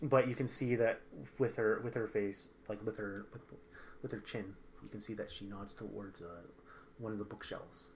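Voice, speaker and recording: A man running a tabletop role-playing game as game master, describing scenes haltingly with many restarts. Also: on the low side, steady tone, slight background noise.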